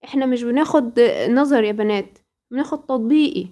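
High-pitched Egyptian woman teaching tajweed; patient, stretches each example word, quizzes her students. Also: dark tone. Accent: Egyptian Arabic. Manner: drills words in slow drawn-out recitation, asks rhetorical questions. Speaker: Quran recitation teacher. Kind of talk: tajweed lesson to girls.

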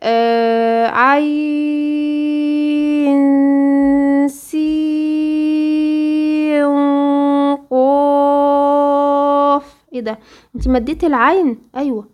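A woman with an Egyptian accent teaching Quran recitation rules, asking her students questions and answering them herself, sometimes drawing out example words slowly. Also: high voice, darkish tone, faint music behind. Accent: Egyptian Arabic. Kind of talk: interactive lesson with students.

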